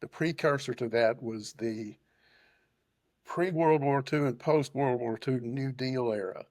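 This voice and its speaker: A man with an Appalachian accent talks reflectively as a guest in a discussion. His drawl is mid-pitched and deliberate, laying out points one by one. The sound is dry, with little room on it. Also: darkish tone, dry recording. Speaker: panel guest. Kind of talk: reflective conversational monologue.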